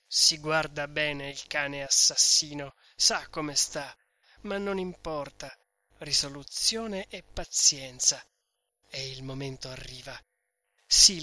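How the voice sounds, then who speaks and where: A wild-eyed, vengeful young man in a read-aloud novel, hurling heated outbursts, as a male reader plays him. The voice is bright and forceful and sits a touch high. It sounds dry and close. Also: dry recording, full character voice.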